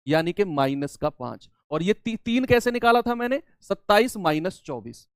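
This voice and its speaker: A man's voice: high voice, sing-song, moderate pace, clear, resonant tone, no room sound, studio quality. A man teaching a maths lesson, explaining step by step and repeating the key terms, sometimes answering in his students' voice. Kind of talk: classroom maths lecture.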